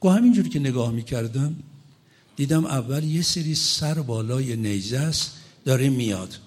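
A man's voice: mid-range voice, animated, darkish tone. A man preaching a mourning sermon, telling a story with quoted dialogue. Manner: tells the story with rising emotion, ending in chanted lament.

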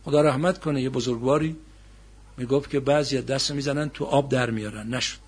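Husky-voiced male preacher giving a sermon. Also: medium pitch, fairly even intonation. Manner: storytelling, rising to loud emphatic exhortation. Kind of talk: religious sermon.

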